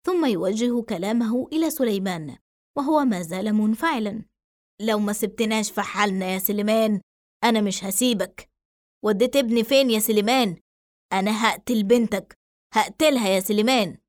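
A woman's voice: medium pitch, fairly quick, natural voice. A woman voicing a worried, hot-tempered older father with an Egyptian accent, agitated and threatening. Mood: furious.

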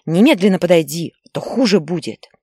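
A woman voicing an angry, short-tempered mother who scolds and shouts harshly at her son. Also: low-pitched, sing-song, unhurried, no room sound, studio quality, exaggerated voice. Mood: furious.

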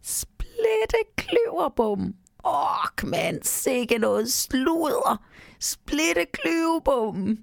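A tiny male Christmas elf scoffs from the shadows in a squeaky, piping voice, put on by a woman reading aloud. He chuckles and sneers in a storybook reading, the sound dry and close. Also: very animated, creaky, dry recording, full character voice. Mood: mocking. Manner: chuckling, scoffing, high-pitched. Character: small giggling male Christmas elf, mocking.

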